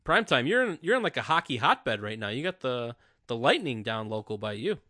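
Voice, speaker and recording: A man's voice: medium pitch, sing-song, brisk, sharp tone, no room sound, studio quality. A man hosting a casual fantasy sports podcast, joking and reading listener emails. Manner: jokey, reads listener emails. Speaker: podcast host.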